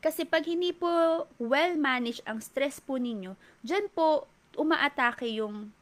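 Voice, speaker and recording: A woman's voice: sits high, a little slow. A Filipino-accented woman fitness trainer giving a polite talk to an audience, often asking rhetorical questions. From Philippines.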